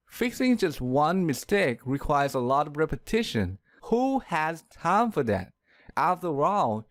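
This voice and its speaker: Clear, lively male pronunciation teacher. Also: fairly high pitch, dry recording, clean studio sound. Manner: clear, deliberate explaining with demonstrated words. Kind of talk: scripted instructional narration.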